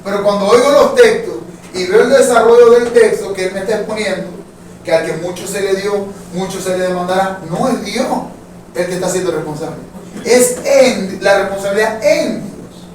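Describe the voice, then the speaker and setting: A man's voice: sits high, normal speed. A man teaching a Bible class at church, talking conversationally to his listeners, calling them brothers and checking that they follow. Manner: conversational, addresses listeners as brothers, asks for agreement often. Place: church hall. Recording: very echoey hall, distant mic, faint noise.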